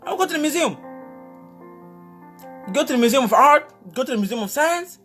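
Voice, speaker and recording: A man's voice: very high voice, lively intonation, a little fast, a bit bright, faint music behind. A man giving a motivational talk who speaks emphatically, repeats key phrases and urges the listener directly. He playfully acts out scenarios with exclamations.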